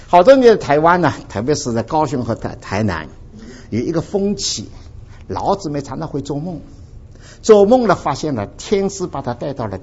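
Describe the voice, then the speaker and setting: A man from the area, preaching a sermon and telling stories to the congregation in an animated way. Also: on the high side, normal speed, a little hiss or hum. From Dinghai, Ningbo area, China. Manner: animated storytelling, addresses the congregation directly. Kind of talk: sermon with personal testimony. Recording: dull lo-fi recording.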